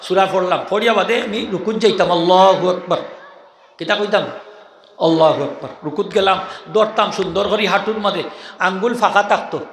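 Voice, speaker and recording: A man with a Sylheti accent preaches to a gathering, his high voice bright and forceful. He keeps throwing questions at the crowd and waiting for their answers. The sound carries a long hall reverb over faint background ambience. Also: fairly quick, a little hiss or hum. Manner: animated, questions the crowd and drills call-and-response. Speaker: Islamic preacher. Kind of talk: sermon to a live gathering.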